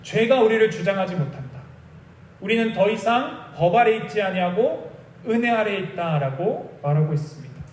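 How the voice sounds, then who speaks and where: Korean pastor preaching in an echoey room. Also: male voice, sits high, lively intonation, normal speed, far from the mic, slight background noise. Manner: conversational storytelling preacher, acts out dialogue. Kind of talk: sermon. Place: small church sanctuary.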